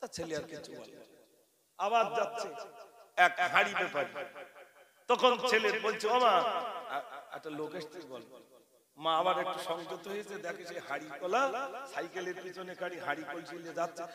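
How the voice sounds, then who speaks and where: A man preaches with humor, acting out stories and calling questions to his listeners. His voice sits very high. It rings through a reverberant PA over a loud crowd. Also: a little fast. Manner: storytelling with quoted voices, asks the crowd questions. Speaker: Islamic preacher and ghazal singer. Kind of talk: humorous Bengali waz sermon to a crowd. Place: outdoor religious gathering with a large crowd. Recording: echoey PA sound, crowd behind.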